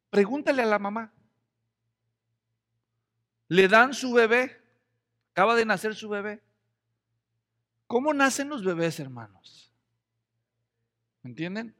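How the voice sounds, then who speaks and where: A man preaches a lively, joking sermon and keeps pulling his congregation in with questions. His voice sits high for a man, and it trails off into a long church reverb. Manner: humorous, acts out quoted voices, asks the congregation questions. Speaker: pastor. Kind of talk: expository sermon.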